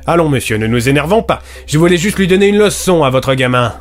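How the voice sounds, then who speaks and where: A man playing a calm, firm police inspector who speaks politely and measured, with faint music behind. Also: on the high side, natural voice. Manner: polite and measured, turning commanding.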